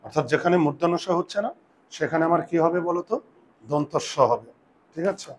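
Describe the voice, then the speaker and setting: A man teaching a grammar lesson, dictating rules slowly and checking often whether his students follow. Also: fairly high pitch, a little mellow, a little hiss or hum. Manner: slow, deliberate dictation with repeated questions to students. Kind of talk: classroom lesson.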